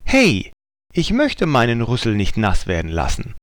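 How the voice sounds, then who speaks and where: A man's voice: on the low side, huge pitch swings, moderate pace, dry recording, studio quality, pitched below the performer's own voice. A man voicing a young female elephant who gets upset easily, in a children's storybook reading.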